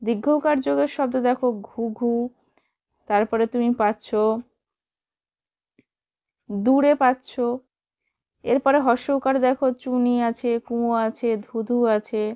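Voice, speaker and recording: A woman tutor giving a children's reading lesson, reading slowly and carefully and drilling questions and answers. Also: on the high side, fairly even intonation, mellow. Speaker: online tutor. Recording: dull lo-fi sound.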